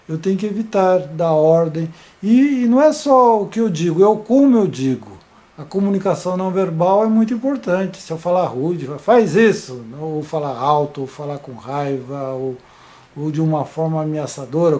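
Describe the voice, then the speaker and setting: A man gives an informal video lesson in a somewhat high, mellow voice. He talks hesitantly, often stumbling over repeated fillers and restarting his phrases.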